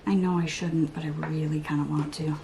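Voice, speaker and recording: A woman's voice: low voice, little pitch movement, a little fast, mellow, slight background noise. A woman in her thirties chatting casually while doing her makeup at home, rambling and talking to herself. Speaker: beauty vlogger. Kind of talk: casual get-ready-with-me chat.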